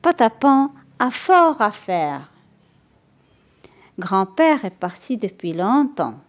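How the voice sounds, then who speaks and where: A woman narrating a children's storybook aloud in a slow, expressive, lilting way. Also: on the high side.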